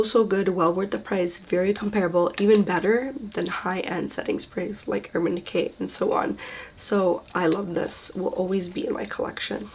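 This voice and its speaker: A woman's voice: mid-range voice, a little mellow, breathy edge. A woman beauty vlogger chatting casually through a product review, gushing and enthusiastic, a little under the weather.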